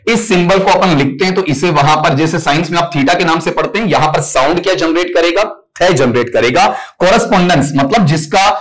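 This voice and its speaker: A male teacher gives a step-by-step exam-prep lesson. His voice sits fairly high for a man. He keeps posing questions to his class and then answering them himself. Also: a little fast, few pauses, poor audio. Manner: explains step by step, asks and answers own questions, calls students "beta". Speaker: English teacher.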